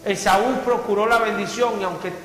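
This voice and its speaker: Male pastor, fairly high voice, fervent preaching with rhetorical questions; long hall reverb, faint music underneath. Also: fairly even intonation, moderate pace, fairly bright tone. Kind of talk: sermon. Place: church hall.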